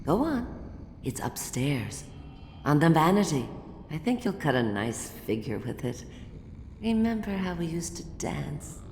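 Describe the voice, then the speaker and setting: Dotty elderly game crone, genteel yet sinister singsong, low pitch, reverberant room. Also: female voice, sing-song, measured pace, a little mellow, a little hiss or hum, heavily acted. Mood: doting. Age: older. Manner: elderly singsong, muttering and repetitive. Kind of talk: video game character acting.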